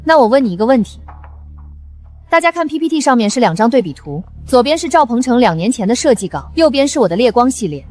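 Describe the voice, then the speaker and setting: An actress playing a cool, composed young pregnant designer who answers in cutting, measured lines. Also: female voice, fairly high pitch, big pitch swings, a little mellow. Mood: confident. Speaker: chief designer.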